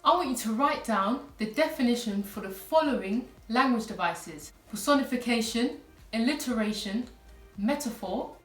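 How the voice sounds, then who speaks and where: A woman's voice: fairly high pitch, recorded from a distance. A woman English teacher giving a patient, step-by-step online lesson to students. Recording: echoey room, voice a little off-mic.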